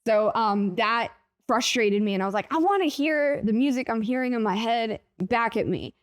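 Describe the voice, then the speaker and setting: A woman's voice: a little high, expressive, moderate pace. A young woman from Mexico, a singer talking about her start in music in a bubbly, chatty way. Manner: bubbly, chatty, giggly, filler-heavy. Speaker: singer, interview guest. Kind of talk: casual interview.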